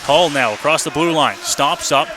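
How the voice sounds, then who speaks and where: A male announcer with a fairly high voice calls a live hockey game on the radio from an indoor arena, at a moderate pace. His short, running phrases sometimes climb into excited shouts, and loud rink noise fills the background of this noisy live broadcast.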